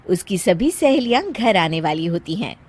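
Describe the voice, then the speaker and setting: A woman narrating a cartoon moral story in a slow, even storytelling manner. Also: lowish voice, breathy edge, no echo.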